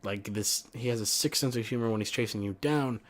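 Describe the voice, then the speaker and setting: A man's voice: mid-range voice, a little fast. A young man giving a casual, profane, rambling game review, often correcting himself mid-sentence.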